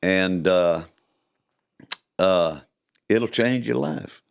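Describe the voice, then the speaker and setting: A man's voice: low-pitched, extremely slow, gravelly, clean tone. An older man, hosting a podcast and reading his own stories in a folksy, chuckling way. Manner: folksy, chuckling, playful delivery. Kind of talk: casual chat and storytelling read-aloud.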